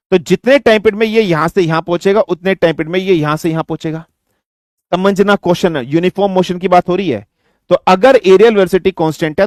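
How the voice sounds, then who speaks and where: A man teaching physics in an online exam-prep lecture, mixing Hindi and English, asking and answering his own questions and slowing down to dictate definitions. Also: high-pitched, a little mellow, no room sound, studio quality. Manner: slows down to dictate definitions word by word.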